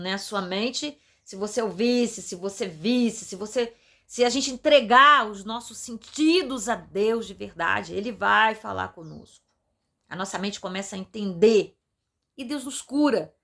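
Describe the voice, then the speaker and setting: A woman pastor with a Brazilian Portuguese accent gives a personal testimony in a fairly high voice. She speaks intimately and with tears close by. She keeps checking in with her listeners through short asides. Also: fairly bright tone. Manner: tearful, intimate, many "né?" and "sabe?" asides.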